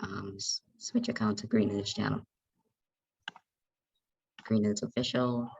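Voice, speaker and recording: A man leading an online group lesson over a video call, hesitant and halting, often restarting his sentences. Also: lowish voice, fairly even intonation, gravelly, husky, no echo. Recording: muffled video call audio.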